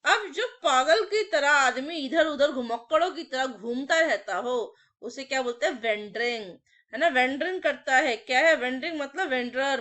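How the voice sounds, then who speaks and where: High-voiced woman teaching vocabulary. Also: a bit bright. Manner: repetitive, drills words in lists, addresses students as children. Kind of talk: classroom vocabulary lesson with memory tricks.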